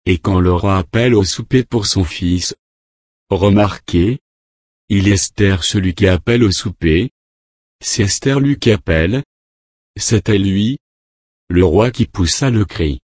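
A man's voice: deep voice, unhurried, pauses often, darkish tone, no room sound, studio quality. A man preaching a sermon, explaining scripture verse by verse and asking rhetorical questions.

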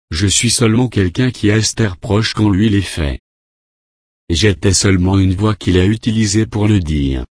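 A man preaching a sermon in a slow, measured way with long pauses. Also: lowish voice, a little mellow, no echo, clean studio sound.

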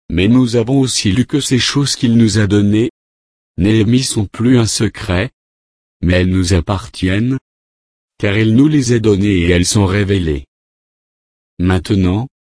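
A man reading a sermon aloud, quoting scripture and calling out verse numbers in a measured way. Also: fairly low pitch, a little mellow, no room sound, studio quality. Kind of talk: read sermon with scripture quotations.

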